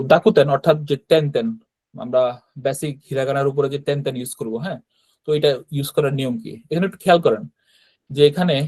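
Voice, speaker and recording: A man's voice: mid-range voice, a little mellow, no room sound. A man with a Bangladeshi Bengali accent teaching beginners in an online class, explaining patiently and often checking in with "right?". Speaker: Japanese language teacher. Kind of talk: online class with screen sharing.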